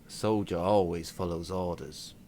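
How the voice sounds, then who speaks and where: A man playing a stern, dutiful soldier in a tabletop game, speaking formally and deliberately, with faint background noise. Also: low voice, steady tone, dark tone. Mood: firm, dutiful. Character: Magnus, stern dutiful male soldier, loyal and haunted.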